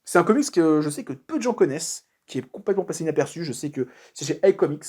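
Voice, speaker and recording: A man's voice: a little high, expressive, fast, a little mellow, husky. A man casually talking through a comic book review, informal and chatty, with frequent fillers and restarts. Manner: informal slang.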